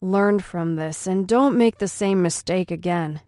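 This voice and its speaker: Firm calm teacher guy lecturing kids, woman putting it on, lowish voice. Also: a little slow, no echo, clean studio sound, lightly acted. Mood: stern. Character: stern, calm male schoolteacher.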